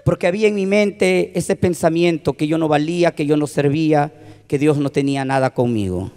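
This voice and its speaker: A man's voice: fairly high pitch, normal speed, darkish tone, clean tone. A man with a Peruvian Spanish accent, preaching a testimony sermon with emotional, dramatic storytelling and often addressing the congregation. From Peru. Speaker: presbyter preacher.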